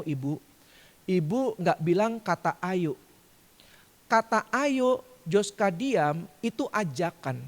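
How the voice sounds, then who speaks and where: Guy preaching in church, kinda high voice, tells a story and acts out the yelling bits, big hall echo. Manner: storytelling, acts out quoted shouts. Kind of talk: sermon testimony. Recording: long church hall reverb.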